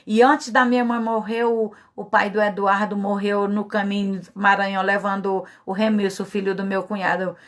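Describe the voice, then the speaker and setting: A woman's voice: medium pitch, little pitch movement, normal speed, hardly any pauses. A middle-aged woman pastor with a Brazilian Portuguese accent, giving an earnest, emotional personal testimony. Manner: earnest, confessional, openly emotional.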